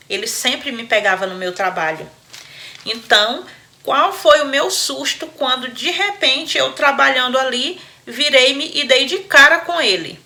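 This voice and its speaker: A woman hosting a storytelling show, retelling a listener's story with animated, chatty asides and frequent laughter. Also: fairly high pitch, vocal fry. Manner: animated, laughs often, talks to listeners as friends. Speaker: storyteller host.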